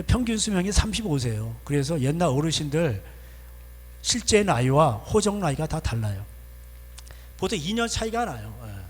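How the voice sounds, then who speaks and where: Male pastor, sermon delivery with frequent asides and rhetorical questions, somewhat high pitch, reverberant hall with a light mains hum. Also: breathy edge. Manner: conversational preaching, frequent affirming "yes" asides and rhetorical questions. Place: church sanctuary.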